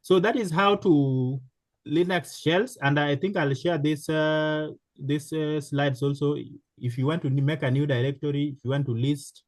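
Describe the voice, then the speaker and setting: A man teaching a programming class in a slow, halting way, with many fillers and restarts. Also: a little high, fairly even intonation, no room sound. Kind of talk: live online class instruction.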